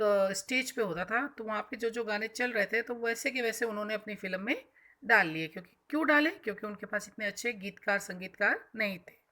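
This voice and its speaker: A woman's voice: fairly high pitch, pushed and bright. A woman school teacher explaining a textbook chapter to children, defining hard words simply and repeating herself as she goes.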